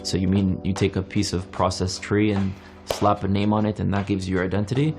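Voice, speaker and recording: A young man born in France speaks in an earnest, reflective monologue. His deep, low voice moves through rhetorical questions and long, evenly paced lists. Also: steady tone, fairly quick, music in the background.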